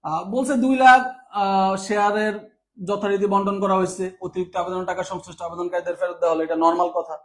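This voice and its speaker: A man from Bangladesh, teaching an accounting lesson quickly and quizzing students questions he answers himself. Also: sits high, level tone. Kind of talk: fast exam-prep lecture.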